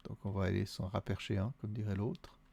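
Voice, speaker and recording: A man's voice: lowish voice, flat delivery, fairly quick, vocal fry, a little mellow. A man with a Vaudois Swiss accent, thinking aloud and counting under his breath as he plays through a solo board wargame. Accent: Vaudois Swiss French.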